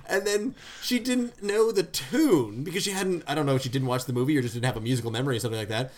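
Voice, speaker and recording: A man's voice: mid-range voice, fast. A man co-hosting a podcast, telling a long story in casual chat with many restarts and laughs. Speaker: podcast co-host.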